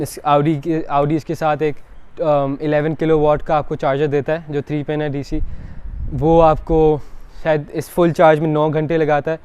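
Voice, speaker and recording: Flat-voiced Pakistani man reviewing a car. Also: a little high, slight background noise. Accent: Pakistani Urdu. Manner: relaxed, mixes English phrases into Urdu, points things out. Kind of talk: casual car review walkaround. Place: outdoors beside a parked car.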